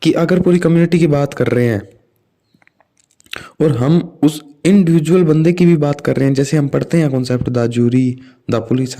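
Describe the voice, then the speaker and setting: Slow, low-toned Indian grammar teacher. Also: male voice, mellow. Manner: mixes Hindi with read-out English examples, addresses viewers as "saathiyon". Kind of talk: lecture explaining English grammar in Hindi.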